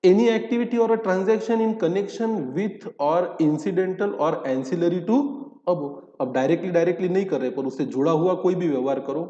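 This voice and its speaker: In an unhurried lecture with few pauses, a man with a high-sitting, mellow voice clarifies terms by questioning and answering himself. Spoken Hindi frames his readings of English legal text, and the hall recording sounds dull and echoey.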